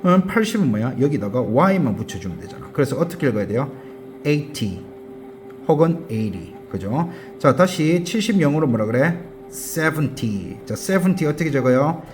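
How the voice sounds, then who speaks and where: A man's voice: a little high, very animated, faint music behind. A man teaching English at a language academy, drilling students with repeated questions and spelling words out letter by letter. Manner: calls himself teacher, prompts with quick questions. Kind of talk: classroom drill lesson.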